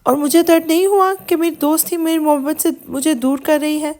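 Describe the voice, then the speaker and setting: A woman's voice: high voice, fairly even intonation, pitched above the performer's own voice, lightly acted. A woman voicing an angry young man who speaks harshly in an audio novel. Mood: furious. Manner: harsh, shouting.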